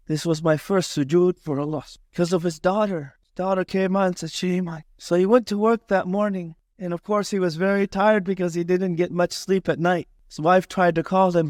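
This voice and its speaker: A man's voice: high-pitched, no echo, clean studio sound. A man telling a moral story in an emotional sermon, earnest and repeating key phrases for emphasis. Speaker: preacher.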